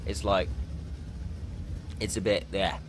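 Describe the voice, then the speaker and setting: Deep-voiced and slow, with little pitch movement and a bit of hiss or hum in the recording, this gaming channel host is a young man with a stuffy nose from a cold. He rambles through a replay, explaining tactics casually and filling gaps with many ums.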